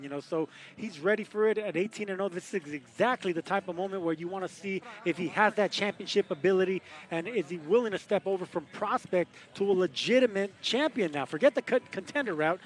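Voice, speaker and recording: A man's voice: sits high, fairly quick, few pauses. A man giving conversational boxing analysis on a live sports broadcast.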